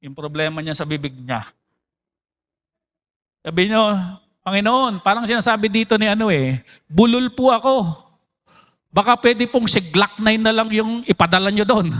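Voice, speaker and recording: Animated high-voiced Filipino pastor preaching. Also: male voice, moderate pace, long pauses. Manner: mixes Tagalog and English, asks the congregation questions; animated, jumps in pitch for emphasis. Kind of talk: sermon.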